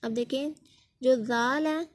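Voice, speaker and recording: Slow, high-voiced woman teaching recitation. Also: steady tone. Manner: slow, careful, repeats sounds as models for learners. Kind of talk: patient step-by-step pronunciation lesson.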